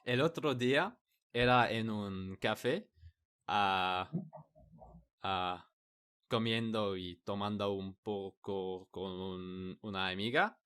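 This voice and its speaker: A man talks very slowly in a language that is not his first, stopping to hunt for words and restarting them. His tone is bright and clear, the easy chat of a podcast host over a video call. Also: on the low side. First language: not Spanish. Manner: hesitant, searching for words with many restarts. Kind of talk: casual conversation in a learned language.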